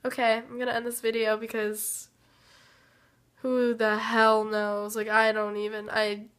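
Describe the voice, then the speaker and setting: Slow, flat-voiced sick woman rambling. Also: a little high, clean tone. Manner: hesitant, trailing off with many fillers. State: sick, rough voice. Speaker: vlogger. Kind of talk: rambling personal update.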